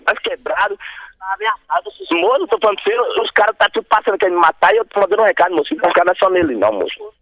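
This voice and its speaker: A man's voice: sits high, gravelly, sharp tone, no room sound, poor audio. A man from Brazil, calling in by phone to a radio show, talking in an agitated, rambling, repetitive way. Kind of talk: phone-in talk. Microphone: phone line.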